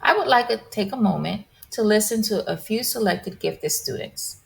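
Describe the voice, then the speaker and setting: A woman presenting a lecture, reading a prepared script in a measured, deliberate way. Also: medium pitch, expressive, gravelly.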